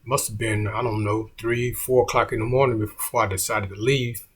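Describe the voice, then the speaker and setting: A man's voice: on the low side, fairly even intonation, moderate pace, slightly rough. A middle-aged man, a comedian, telling a story in a laid-back way and saying "man" often.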